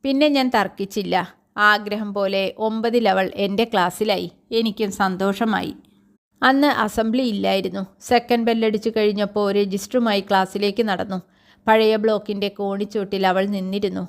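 A woman's voice: mid-range voice, fairly even intonation. Woman reading a story aloud. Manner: measured, first-person literary narration. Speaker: story reader.

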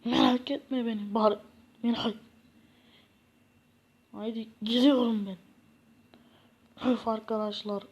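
A woman's voice: on the high side, steady tone, takes it slowly, long pauses, breathy edge, highs cut off. A woman doing a sighing, self-pitying poor man. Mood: gloomy complaining. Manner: sighing, whiny complaining. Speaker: content creator. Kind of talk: game parody role-play.

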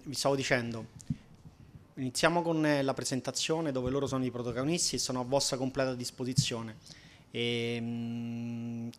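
A man in his fifties speaking as a club director in an informal press presentation, on a table microphone. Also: mid-range voice. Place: press room, indoors. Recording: faint room noise.

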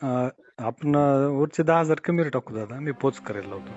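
A man's voice: mid-range voice, lively intonation, moderate pace, a little mellow. A man selling farm equipment on a phone call, heard over the phone line, polite and agreeable with short replies. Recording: dull phone line with faint music.

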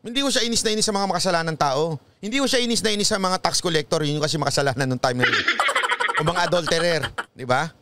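Here a Filipino man, a pastor from the Philippines, talks fast in a fairly high voice with no echo. His talk-show commentary is emphatic and preachy, carries a Filipino accent, and keeps tagging lines with "ha?" over loud background music.

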